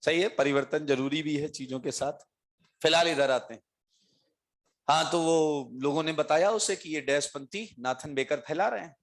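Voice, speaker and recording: Speaking at a moderate pace with a fairly high pitch, a middle-aged man who teaches chemistry relates a lively tale to his class, laughing while he performs the voices of the people in it.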